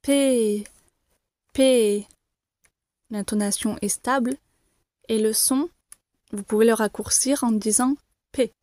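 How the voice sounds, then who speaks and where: Woman, language teacher, very slow deliberate delivery, dry close sound. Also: on the high side, steady tone, a little mellow, dry recording. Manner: patient, reassuring, repeats each letter clearly. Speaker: French teacher. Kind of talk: slow, careful pronunciation lesson.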